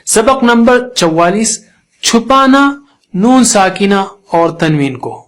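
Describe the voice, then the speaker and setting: A man's voice: high voice, animated, fairly bright tone. A man teaching tajweed rules for Quran recitation, patiently drilling nasal letter sounds aloud. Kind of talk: tajweed lesson with spoken demonstrations.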